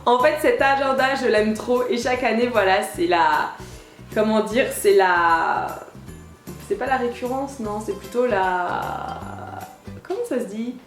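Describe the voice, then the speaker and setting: A woman's voice: fairly high pitch, a little slow. A young woman from France chatting casually in a home vlog, bubbly and chatty with lots of fillers and restarts. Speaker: YouTuber. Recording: echoey room with light music.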